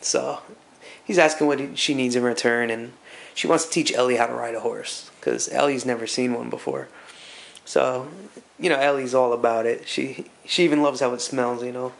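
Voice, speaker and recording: A man's voice: mid-range voice, steady tone, moderate pace, vocal fry. A man giving casual, loosely conversational commentary as he recaps a story, rambling and hesitant as he goes. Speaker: comic reviewer.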